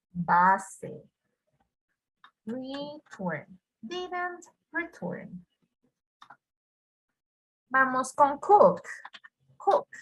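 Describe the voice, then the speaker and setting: A woman's voice: sits high, fairly bright tone. A woman with an Ecuadorian Spanish accent teaching English grammar to a class, patiently repeating words and asking her students questions. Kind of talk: online class explaining grammar.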